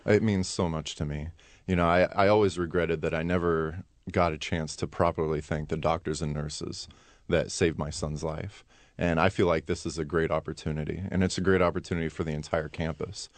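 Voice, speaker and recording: Very deep-voiced earnest man, dry sound. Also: fairly even intonation, fairly quick, dry recording. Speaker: student interview guest. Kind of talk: earnest radio interview answers.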